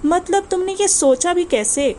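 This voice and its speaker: A woman voicing a haughty, scornful older society woman in an audiobook, with a sharp tone. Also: extremely high pitch, animated, slight background noise, pitched above the performer's own voice.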